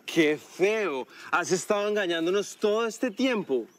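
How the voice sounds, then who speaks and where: Brief: camp Colombian clerk, high sing-song voice, music underneath. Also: male voice, lively intonation, measured pace. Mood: scandalized. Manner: camp, theatrical. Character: prissy flamboyant male office worker. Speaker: bank employee. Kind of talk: comedy film acting.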